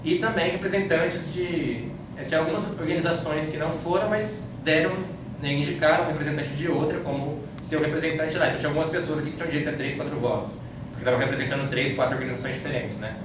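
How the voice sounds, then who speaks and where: A Brazilian man with a Brazilian Portuguese accent gives a casual slide-show talk about his trip, recounting his travels in a conversational, anecdotal style and often tacking on little checking tags. His voice is a bit high and quick. He's live before an audience indoors, picked up by a distant mic in an echoey room with clear background noise.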